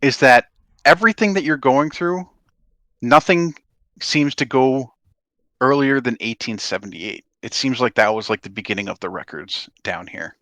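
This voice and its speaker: A man's voice: mid-range voice, moderate pace, fairly bright tone, no echo. A man working as game master, explaining and narrating a tabletop game in an informal, conversational way.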